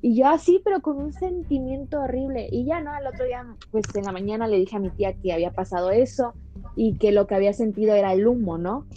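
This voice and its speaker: A young woman, a podcast guest telling a personal story in an animated way, full of "o sea" and "¿no?". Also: fairly high pitch, fast, muffled recording, faint music behind. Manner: animated, fills talk with "o sea" and "¿no?". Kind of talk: casual storytelling.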